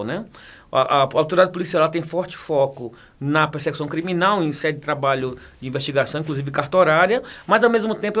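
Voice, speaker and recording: His voice is fairly high in pitch and fairly bright. In his 40s and from Bahia, Brazil, he's a federal police chief and teacher appearing as a guest in a relaxed interview, frequently joking and laughing and repeating words as he goes.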